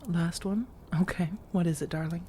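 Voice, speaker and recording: A woman voices a flirtatious, coaxing female vampire seeking a roommate in an ASMR roleplay, speaking softly and breathily with a warm, low-lit timbre that slips into whispers. Her natural, steady delivery is calm and reassuring, teasing, measured and intimate, with slow, deliberate pauses. There is slight background noise.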